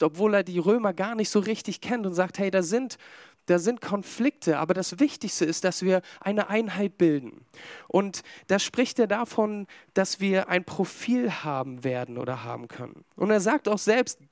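A man's voice: sits high, no echo, studio quality. A man preaching a sermon to a small congregation, talking in a conversational way with fillers and humorous asides.

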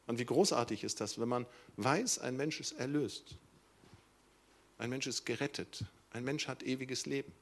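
A middle-aged man, a pastor, preaching a sermon with emphatic stresses that drop into soft, slow passages. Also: medium pitch, vocal fry.

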